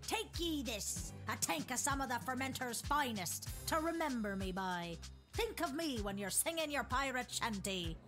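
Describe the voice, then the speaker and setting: A brash pirate captain. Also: female voice, sits high, animated, normal speed, a bit bright, faint music behind. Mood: swaggering. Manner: hearty old-timey pirate drawl. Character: boisterous woman pirate captain, brash and swaggering.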